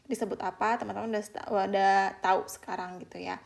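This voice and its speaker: A young woman giving a patient online beginner language lesson, repeating example words slowly and often addressing her viewers as friends. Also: mid-range voice, steady tone, gravelly. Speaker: Korean language teacher.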